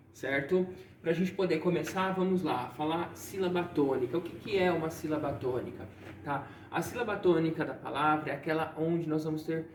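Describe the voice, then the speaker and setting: In this recorded online lesson, a male teacher speaks in a somewhat high voice from a distance, his words echoing around the room over faint hiss or hum. He explains things patiently, regularly pausing to ask "certo?" or "tá?".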